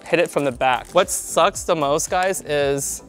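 A man's voice: fairly high pitch, measured pace, fairly bright tone, faint music behind. A man giving a hair-color tutorial in a salon, chatty and instructive, often checking in with his viewers. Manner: chatty, checks in with "right?" and "you guys".

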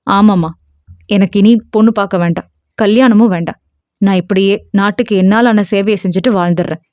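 A woman voicing a calm, stubborn young man in an audio novel, soothing yet dismissive toward his mother. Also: mid-range voice, fairly quick, no echo, highs cut off, voice pushed down, lightly acted.

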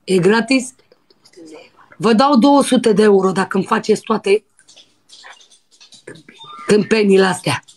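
A woman putting on a brazen, lustful young dancer in a prank phone call, pushy and breathy. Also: medium pitch, long pauses, darkish tone, lightly acted. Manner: pushy and breathy, with crude demands. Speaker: prank caller.

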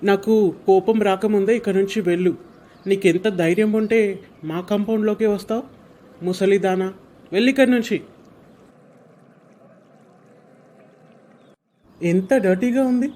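A man's voice: sits high, a little fast, mellow, lightly acted. A young man as a spoiled, rude rich son. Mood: contemptuous. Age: young adult. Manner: dismissive, rude, whiny.

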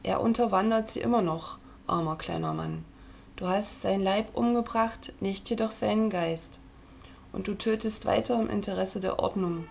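A woman reading a book aloud at a computer, in a measured, earnest way, as if speaking straight to the listener. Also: mid-range voice, gravelly, a little mellow, slight background noise. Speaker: reader.

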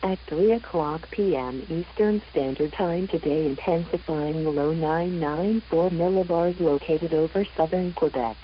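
A woman reading a marine weather forecast in a measured, even announcer delivery over a VHF marine radio broadcast. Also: deep voice, lo-fi sound, a little hiss or hum.

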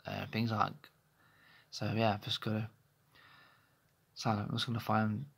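In a small bedroom, a vlogger in his thirties speaks candidly into a phone held close, rambling hesitantly with many restarts in a personal monologue. His low-leaning voice is gravelly and slightly rough, delivered flatly at a measured pace.

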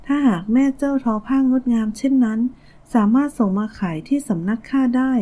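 A woman's voice: fairly high pitch, brisk, warm tone, pitched above the performer's own voice, natural voice. A woman voicing a spirited young woman disguised as a young master, pestering and persistent in her questions. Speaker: merchant house heir.

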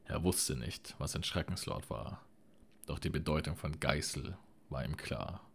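Deep-voiced guy reading an audiobook, steady and measured. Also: creaky, slight background noise. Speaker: audiobook narrator. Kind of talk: scripted audiobook narration.

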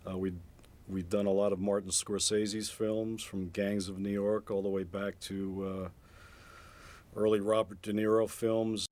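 A man's voice: fairly low pitch, little pitch movement, a little slow, a little mellow. A man, a sound engineer, speaking plainly and hesitantly in an interview. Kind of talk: interview recollection.

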